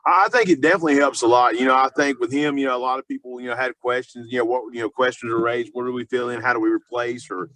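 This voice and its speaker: Halting male football coach in an interview. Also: medium pitch, fairly even intonation, fairly bright tone, no room sound, rough recording. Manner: halting, filler-heavy, repeats and restarts phrases often. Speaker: high school football coach being interviewed. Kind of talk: spontaneous sports interview.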